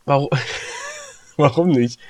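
A man's voice: medium pitch, slow. A man co-hosting a podcast in casual chat, teasing his partner with dry humor, recorded at home on his own recorder during a video call. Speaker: podcast co-host. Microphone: own recording device.

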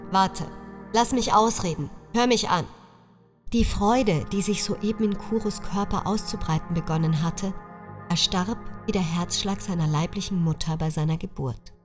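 A woman reading a short story aloud as its narrator, in a measured, expressive storytelling way. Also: on the low side. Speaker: audiobook reader. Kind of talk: scripted narration. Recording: music underneath.

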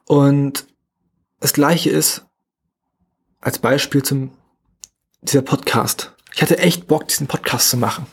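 A young man talks straight at his listeners in a motivational solo podcast, words tumbling out quickly and a little slurred. His voice carries a husky, slightly breathy edge at an average pitch. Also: steady tone. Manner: fast, slightly mumbled casual speech. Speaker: podcast host.

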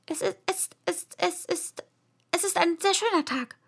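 A woman reading a storybook and voicing a timid, anxious rabbit that talks in a shy, hushed, quick way. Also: extremely high pitch, voice pushed up. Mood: nervous hushed.

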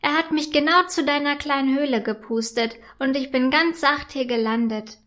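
A woman playing a small snowflake, female, cheerful, friendly, high voice, storybook. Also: moderate pace. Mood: dreamy. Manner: bright, friendly, a bit proud. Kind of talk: storybook reading.

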